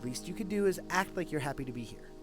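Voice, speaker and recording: In an audio drama, a young man plays a wry, grumbling detective who is someone's former partner, delivering lines casually and emphatically in a wry, persuasive mood. His voice is a little high, expressive, quick, and lightly acted, and the dialogue sits over clear background music.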